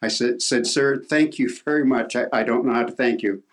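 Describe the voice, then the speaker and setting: Older man telling a story, halting. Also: medium pitch. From Canada. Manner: halting, repeats words, acts out quoted voices. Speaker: interview guest, senator. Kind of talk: storytelling in an interview.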